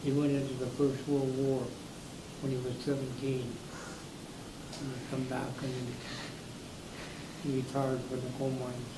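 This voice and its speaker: An older man from New Mexico tells his family history in fits and starts, circling back and filling pauses. His pitch barely moves. The room echoes and there is noise behind him. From Raton, New Mexico, US. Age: 70s. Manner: halting, with many fillers and restarts. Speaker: interviewee. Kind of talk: casual recollection.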